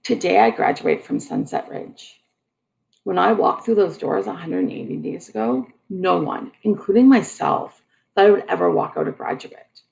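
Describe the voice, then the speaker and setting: Young woman narrator, deep gravelly fry, slow earnest read of a personal story. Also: very animated, a little mellow, low-quality recording.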